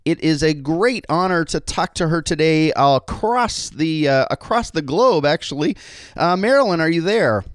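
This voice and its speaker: A man's voice: on the high side, expressive, moderate pace, no room sound. Chatty male podcast host, dry sound. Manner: friendly, chatty with restarts. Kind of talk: news rundown and interview.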